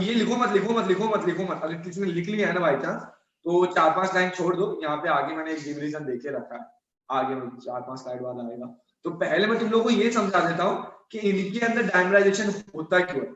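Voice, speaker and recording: A male chemistry teacher lecturing students in a chatty, scolding way, repeating his points. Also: high voice. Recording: echoey room, dull sound.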